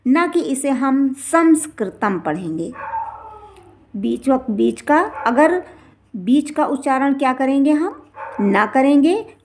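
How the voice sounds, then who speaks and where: A woman with a high voice teaches in a slow, measured way. She says each example word carefully, repeats it, and stretches the sounds out for her students. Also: a little mellow, slight background noise. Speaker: Sanskrit teacher. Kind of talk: classroom-style explanation.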